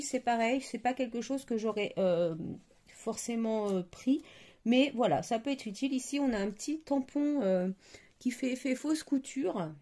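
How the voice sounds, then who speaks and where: A woman chatting casually as she shows craft stamps on camera, hesitant, often pausing to search for words. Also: a little high, mellow. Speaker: crafting vlogger. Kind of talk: casual product show-and-tell.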